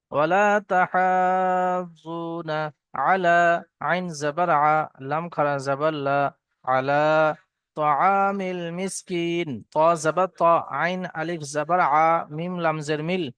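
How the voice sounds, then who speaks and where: A man teaching Quran recitation in a lesson. His voice is high and resonant, and the recording is dry. He breaks every word into its letters and vowel marks before he chants it slowly. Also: steady tone, a bit bright, clean tone, no echo. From Bengal. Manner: spells each letter and vowel, then chants the verse slowly. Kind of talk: spelling out and reciting verses for students.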